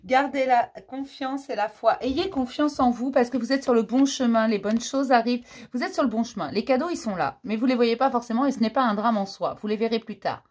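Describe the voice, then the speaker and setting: Woman doing a chatty card reading, kinda high voice, reassuring and informal. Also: fairly quick, few pauses, a little mellow. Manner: chatty, reassuring, informal, addressing listeners directly. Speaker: host of an oracle card reading channel. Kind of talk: casual spoken card reading to camera.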